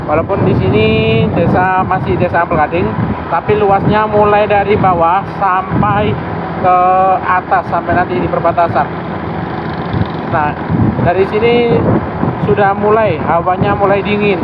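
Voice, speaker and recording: High-voiced man muffled by a face mask. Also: fairly even intonation, measured pace, pauses often. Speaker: travel vlogger. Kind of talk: casual motovlog commentary. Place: outdoors, riding a vehicle on a village road. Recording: dull lo-fi, loud engine and road noise.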